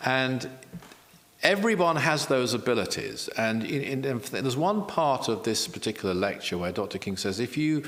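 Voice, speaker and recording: A man's voice: mid-range voice, animated, normal speed, a bit bright, big-room sound. A man, a spiritual teacher and author, explaining in an earnest interview style, repeating key phrases with self-deprecating asides.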